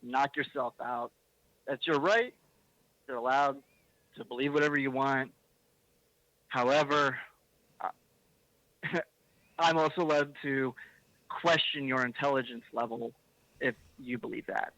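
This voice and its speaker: A man's voice: medium pitch, steady tone, a little slow, pauses often, bright, forceful tone, no echo, highs cut off. A young man hosting a podcast, ranting heatedly with swearing and emphatic bursts. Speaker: podcast host. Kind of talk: impassioned podcast rant.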